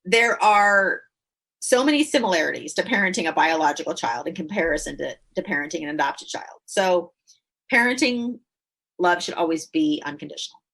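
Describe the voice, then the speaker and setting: A woman's voice: fairly low pitch, expressive, moderate pace, gravelly, fairly bright tone, slightly rough. Chatty mother on a podcast. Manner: chatty, laughs often, many fillers. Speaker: podcast host. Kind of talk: casual conversational podcast.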